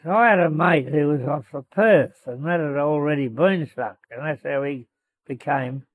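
A man's voice: fairly high pitch, normal speed, rough recording. An elderly Australian man, a war veteran remembering in an oral history interview, telling his story colloquially and voicing the dialogue. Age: 80s or older. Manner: colloquial, acting out quoted dialogue.

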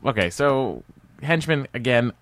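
A man's voice: medium pitch, measured pace. A man co-hosting a comedy podcast, chatting casually and riffing with playful energy. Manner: animated, joking, prone to riffing. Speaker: podcast co-host.

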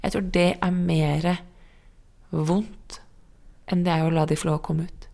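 A woman's voice: deep voice, steady tone, gravelly, warm tone. A woman co-hosting a podcast, speaking in an earnest, reflective way in casual conversation. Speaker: podcast co-host.

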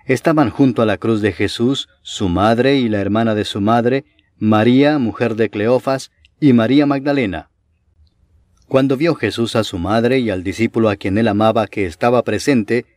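A man reading scripture aloud in a measured, solemn way, slowing on key phrases. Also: lowish voice, darkish tone, no echo, clean studio sound. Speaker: Bible reader.

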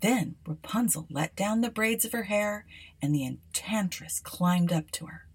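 A woman reading an old fairy tale aloud for a podcast, often dropping to a hushed whisper. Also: mid-range voice, expressive, unhurried, slightly rough. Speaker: podcast storyteller.

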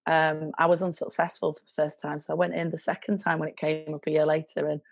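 Lower-pitched young British woman, chatting casually. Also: little pitch movement, quick pace, creaky, no room sound, studio quality. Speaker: charity worker, podcast guest. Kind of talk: casual chat.

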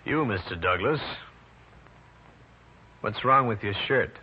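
In a muffled old 1940s or 1950s radio drama, a man with an American accent plays a tough, hard-boiled private detective, wry and unruffled, sounding cool and accusing. His full character voice is fairly low, slightly rough and animated, taken slowly.

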